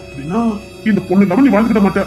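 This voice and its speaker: A man voicing a stern, hurt older brother who speaks slowly and accusingly. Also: sits high, animated, darkish tone, faint music behind.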